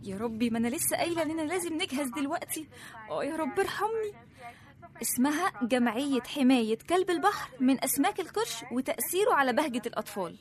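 A woman's voice: sits high, expressive, fast, hardly any pauses. A woman voicing an earnest young assistant reporter with an Egyptian accent, polite but exasperated. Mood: muttering.

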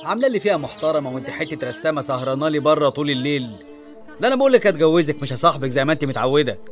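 Guy doing a cocky egyptian man chasing a woman, swoopy lively voice, quick talk, music playing. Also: fairly high pitch, lightly acted. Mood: insistent. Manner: smug, insistent. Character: brash married man, pushy and smug suitor. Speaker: married suitor. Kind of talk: radio drama acting.

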